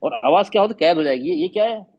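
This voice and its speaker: A man's voice: high voice, animated, very fast, lo-fi sound. A man teaching Quran recitation in an online class, patiently repeating letter sounds for students to echo.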